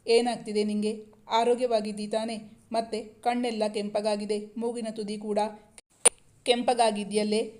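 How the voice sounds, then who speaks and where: A woman's voice: a little high, flat delivery, normal speed, noisy background, lightly acted. A woman voicing a fussing, tender older mother-in-law who asks question after question.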